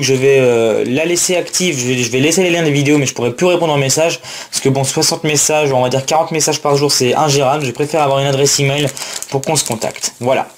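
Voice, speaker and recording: A man chatting casually through a card unboxing, excited, repeating words and filling pauses with "euh". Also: medium pitch, a little hiss or hum. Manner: enthusiastic, repetitive exclamations and many fillers. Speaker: YouTuber opening trading card packs.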